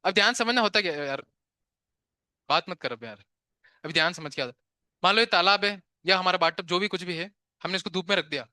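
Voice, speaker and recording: A man teaching physics to a live class, chatty and quick to tell students to stop talking and pay attention, mixing English terms into his Hindi and asking questions he answers himself. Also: high-pitched, sharp tone, dry recording, studio quality.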